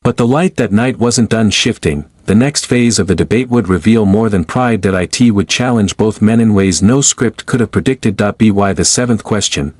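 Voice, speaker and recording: A man narrating a dramatic scripted story at a steady storyteller's pace. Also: fairly low pitch, no echo.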